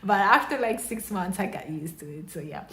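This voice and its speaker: A young woman from Mozambique telling a story in a casual storytime vlog, animated and chatty with lots of fillers, recorded on a phone. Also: on the low side, fairly quick. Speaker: vlogger. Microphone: phone camera. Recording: roomy, echoey room.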